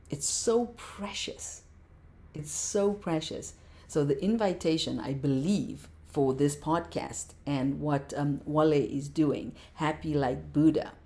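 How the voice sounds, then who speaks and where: Low, mellow-voiced woman talking passionately. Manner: passionate, repeats words for emphasis. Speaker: podcast guest, meditation teacher. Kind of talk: casual interview talk.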